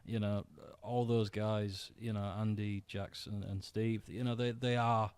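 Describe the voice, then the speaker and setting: Animated man telling studio stories. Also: fairly low pitch, unhurried, clean tone, dry recording. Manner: animated storyteller, acts out quoted exchanges. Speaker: musician guest. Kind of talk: casual podcast chat.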